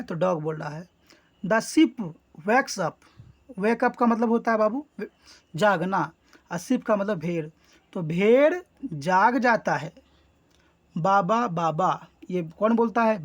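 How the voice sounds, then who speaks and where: A woman gives an English lesson in Hindi at an unhurried, deliberate pace. She reads each English line carefully, then breaks it down word by word. Her voice sits in an ordinary middle register and keeps checking in with her listeners. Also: medium pitch. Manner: keeps checking in with "है ना" between explanations; reads English lines slowly and clearly, then glosses them. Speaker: English teacher.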